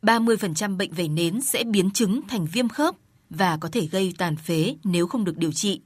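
A woman reporter reading scripted news narration in a steady, formal way. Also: mid-range voice, moderate pace, slightly rough, dry recording.

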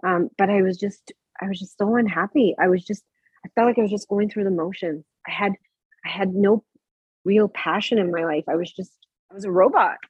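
A woman in her thirties tells a candid personal story in a breathy, slightly husky voice. She gets animated and acts out remembered dialogue. The sound is close and dry, with a dull, muffled tone. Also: medium pitch, a little fast, no room sound. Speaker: podcast guest.

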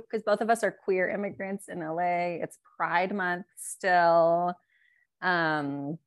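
A woman's voice: lowish voice, dry recording. A woman hosting a podcast, chatty and friendly, leaning on "like" as she talks. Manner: chatty, friendly, uses filler "like". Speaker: podcast host. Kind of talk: casual interview chat.

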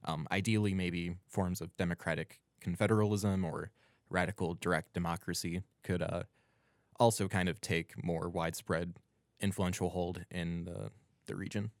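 A man's voice: low voice, level tone, moderate pace, dry recording, studio quality. A young American man co-hosting a podcast, talking earnestly about politics and often stumbling over repeated words. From United States. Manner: earnest, repeats words when starting thoughts. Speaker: podcast co-host. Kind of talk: casual political discussion.

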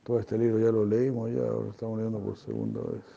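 A man teaches a religious class, reading aloud and explaining in a slow, halting way full of fillers. His voice is very dark and gravelly. The recording sounds slightly dull and lo-fi. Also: on the low side. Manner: halting, with many fillers and soft chuckles. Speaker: spiritual teacher.

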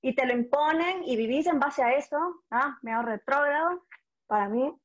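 A woman's voice: high voice, moderate pace. A Salvadoran woman chatting casually as a guest, telling stories and acting out what people said. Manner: chatty, animated storytelling with quoted voices. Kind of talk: casual chat. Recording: dull lo-fi audio.

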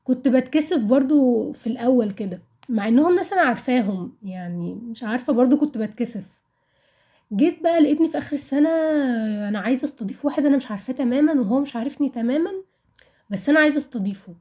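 A woman's voice: high-pitched, animated, racing, mellow. A woman of about twenty with an Egyptian Arabic accent, talking casually and candidly to listeners about personal experience, often asking questions and answering them herself. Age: around 20.

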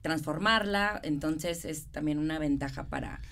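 A woman's voice: low-pitched, normal speed, gravelly, fairly bright tone. A middle-aged woman with a northern Mexican accent from Monterrey, chatting casually and explaining with colloquial examples as an interview guest. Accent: northern Mexican, Monterrey regio. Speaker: guest, real estate consultant and architect.

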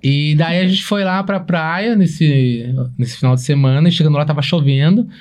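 A man's voice: fairly high pitch, normal speed. A man, telling a story in a casual chat and acting out the people in it. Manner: animated storyteller, acts out quoted voices.

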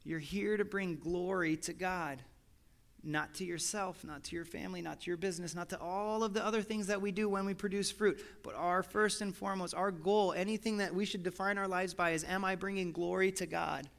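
A middle-aged male pastor preaching a sermon, telling a family story with lively quoted dialogue. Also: high-pitched, fairly quick, creaky. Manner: animated storytelling, quotes his son and God in lively asides.

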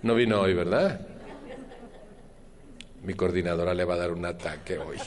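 A man's voice: deep voice, normal speed, darkish tone. A man with a Mexican accent giving a personal testimony at a support group meeting, chatting with the room, often asking questions and using earthy slang. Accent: Mexican Spanish. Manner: conversational, asks the audience questions.

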